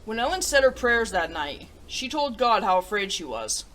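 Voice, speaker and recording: A woman hosts a children's story-time show, reading picture books aloud and reviewing them with enthusiastic, theatrical presenter flair. Her medium-pitched voice is sing-song and a bit bright at a normal speed, though the recording is low quality.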